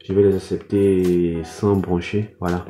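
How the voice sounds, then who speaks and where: Young french guy chatting about anime, lots of euhs and restarts, kinda low voice. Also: level tone, a little slow, mellow, soft background music. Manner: hesitant, many fillers and restarts. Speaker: anime YouTuber. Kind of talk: casual anime review.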